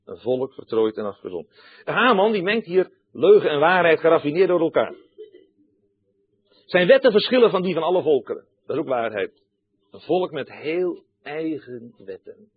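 Male preacher, emphatic sermon delivery, repeats key lines, talks straight to the congregation; fairly high voice, husky, tinny phone-like sound. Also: expressive, moderate pace. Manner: emphatic, repeats key phrases, addresses listeners directly.

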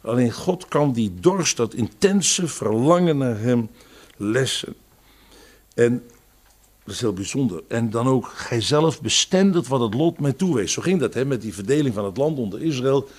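A man preaching a sermon, quoting psalms and scripture, with raised emphasis that falls to quiet phrases. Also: mid-range voice, animated, moderate pace.

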